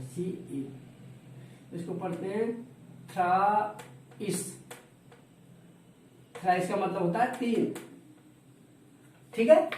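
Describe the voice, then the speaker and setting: A man teaching a lesson who repeats each word slowly and spells it out letter by letter. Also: sits high, a little mellow. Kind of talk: classroom lesson. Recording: roomy echo, distant from the mic, faint noise.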